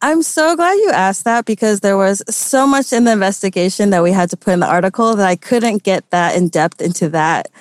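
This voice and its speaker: A woman's voice: medium pitch, expressive, brisk, hardly any pauses, smooth, no echo. Chatty young woman, dry close sound. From United States. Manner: chatty, lots of "like" and "you know", light laughs. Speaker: journalist guest. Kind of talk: casual interview answers.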